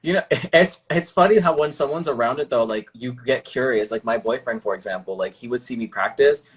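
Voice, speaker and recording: A young man talking as a guest in a casual chat, relaxed, with lots of "like" and fillers. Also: medium pitch, a little fast. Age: young adult. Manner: relaxed, filler-heavy, says "like" often. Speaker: guest, beauty artist.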